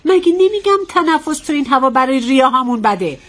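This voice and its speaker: An actress playing a touchy, quick-tempered older wife who snaps back at her husband. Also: high voice, animated, a bit bright. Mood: indignant. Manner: indignant, snappy.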